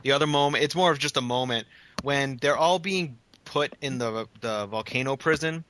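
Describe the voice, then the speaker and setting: A man in casual book-club chat, retelling a funny scene with animated acting-out. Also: mid-range voice, moderate pace, slight background noise. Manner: animated storytelling.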